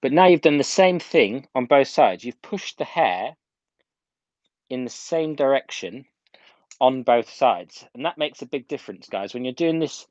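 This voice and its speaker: A man's voice: medium pitch, lively intonation, a little slow, a little mellow, no echo. Man teaching hands-on, dull muffled sound. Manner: informal, instructive, repeats key points for emphasis. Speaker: hairdressing instructor. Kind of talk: live video tutorial, casual step-by-step demonstration. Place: indoors at home.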